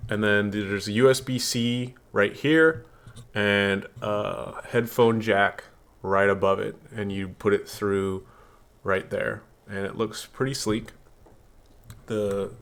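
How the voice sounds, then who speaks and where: A man's voice: fairly low pitch, a bit bright. Chatty, blunt male tech reviewer. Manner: candid, chatty, blunt opinions. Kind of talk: casual product review. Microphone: desktop USB condenser microphone.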